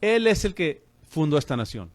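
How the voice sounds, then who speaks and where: A man's voice: on the high side, very animated, normal speed, no echo. A man preaching on the radio as a pastor and host, fervent and calling listeners brother.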